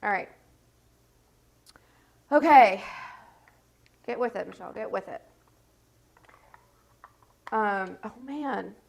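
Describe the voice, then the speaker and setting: A woman's voice: medium pitch, a little slow, creaky, pauses often, low-quality recording. A woman in her thirties, congested and stuffy-nosed, chatting in a rambling way with lots of fillers as she hosts a get-ready-with-me vlog from home. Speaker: beauty vlogger host. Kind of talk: casual get-ready-with-me chat.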